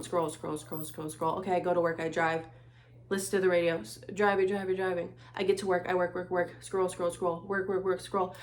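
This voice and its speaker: Young woman vlogger, sarcastic rant, animated delivery, mid-range voice, lots of filler "like". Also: mid-range voice, a little hiss or hum. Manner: animated, sarcastic, heavy use of "like". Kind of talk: casual ranting monologue.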